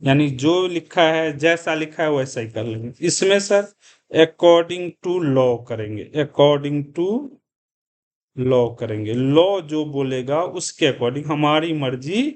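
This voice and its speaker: A man lectures a class in a slightly raised voice, pacing himself slowly and deliberately. He keeps asking the students questions, then answers them himself and repeats the key terms. English terms are mixed into his speech. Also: on the high side. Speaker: commerce teacher.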